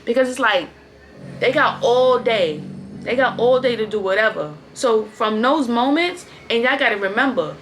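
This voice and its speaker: A woman's voice: on the high side, animated, normal speed, fairly bright tone, a little hiss or hum. A woman ranting casually in a recap vlog, blunt and profane, circling back to the same points. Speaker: reality-show recap vlogger. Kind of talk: casual rant.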